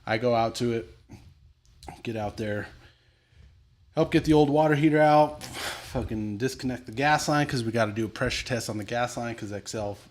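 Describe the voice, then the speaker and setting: A man's voice: medium pitch, normal speed. A middle-aged man co-hosting a casual livestream chat, telling crude, joking stories and acting out the voices of the people in them. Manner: crude, joking storyteller who acts out voices. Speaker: podcast co-host.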